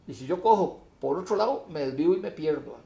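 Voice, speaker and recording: High gravelly preacher in an echoey hall. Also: male voice, animated, brisk. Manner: emphatic, rising to loud declamation when reading scripture. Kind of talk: sermon.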